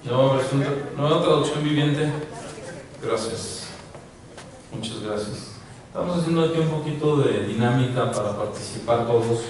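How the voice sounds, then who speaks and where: A man's voice: mid-range voice, normal speed, a crowd in the background. A man preaching an informal sermon as pastor, chatty, often laughing, with many fillers. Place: church hall. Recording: very echoey hall, mic far off.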